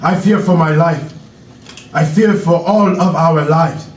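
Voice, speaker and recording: Man playing Knowledge, a slow, solemn panther orator. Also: fairly high pitch, a little hiss or hum, close to an everyday voice. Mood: grave, solemn. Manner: deliberate, grave oratory. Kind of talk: stage play reading, speech. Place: echoey room, away from the mic. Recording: roomy echo, distant microphone.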